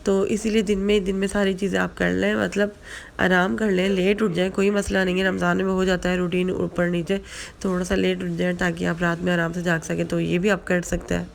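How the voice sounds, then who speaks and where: Hoarse woman with a gravelly, flat voice. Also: on the low side, slight background noise. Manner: chatty, repeats fillers, mixes in English words. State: hoarse from flu and sore throat. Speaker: vlogger. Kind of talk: casual religious advice vlog.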